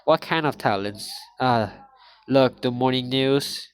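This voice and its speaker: A man's voice: mid-range voice, takes it slowly, clean tone, no room sound. A man reading a visual novel's dialogue and news scenes aloud in a playthrough, stiffly, with frequent stumbles and restarts. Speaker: gaming channel host.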